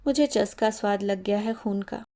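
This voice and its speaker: A woman's voice: medium pitch, moderate pace, dark tone, natural voice. A woman voicing a guilt-ridden young male killer in a story, speaking with tense, anguished muttering. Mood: anguished, haunted.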